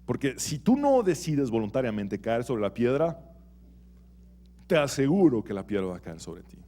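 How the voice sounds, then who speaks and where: Animated male pastor preaching a sermon. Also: mid-range voice, moderate pace. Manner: animated preaching, shifting between loud and soft, rhetorical questions. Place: church.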